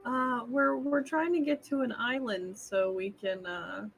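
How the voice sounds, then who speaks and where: A woman's voice: on the high side, steady tone, unhurried, creaky, music in the background. A woman playing a tabletop game in character, laid-back and giggly, swearing casually. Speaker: player. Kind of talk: tabletop role-play in character.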